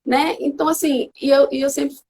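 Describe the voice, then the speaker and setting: A woman's voice: high-pitched, fairly even intonation, normal speed, darkish tone, a little hiss or hum. A Brazilian woman talking earnestly as a guest mother on a live video call, telling her story in a heartfelt way. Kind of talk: casual live video chat.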